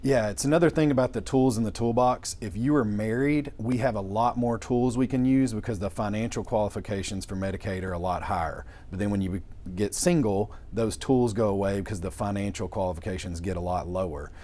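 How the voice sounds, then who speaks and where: A warm, lowish male voice belongs to a young lawyer specializing in estate planning, who explains things in an interview using folksy, casual phrasing. He keeps a steady tone and a brisk pace, barely pausing.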